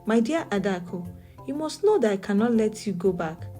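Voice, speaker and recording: A beautifully evil female river spirit, put on by a woman storyteller, intoning her threats with slow menace. The voice is mellow and dark in tone, with soft music playing faintly underneath. This is spoken storybook narration. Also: mid-range voice, lively intonation, lightly acted. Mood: threatening.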